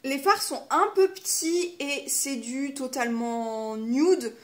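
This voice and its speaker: A woman with a high voice chats casually while opening advent calendar boxes for her vlog. She fills her talk with little hesitations and corrects herself as she goes. Her tone stays relaxed and friendly throughout. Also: slow pace. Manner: chatty, lots of fillers, self-correcting. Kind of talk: casual unboxing chat.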